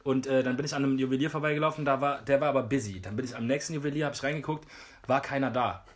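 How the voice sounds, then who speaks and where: A man's voice: medium pitch, very fast. A man, telling a story in casual chat and saying "Alter" a lot. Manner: animated slangy storyteller, says "Alter" a lot. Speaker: podcast co-host.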